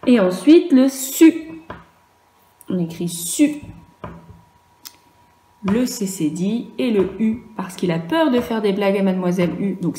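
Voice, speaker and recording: A woman with a French accent gives a primary reading lesson, breaking words into syllables and letters at a slow, patient pace. Her voice is mellow and soft-edged. The room around her is echoey. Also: medium pitch, a little hiss or hum. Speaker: primary school teacher. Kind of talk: virtual class lesson for young children.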